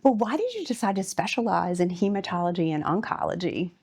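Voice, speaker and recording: A woman hosting a health podcast interview, asking questions and adding quick affirmations. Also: fairly low pitch, sing-song, darkish tone, breathy edge. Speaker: podcast host.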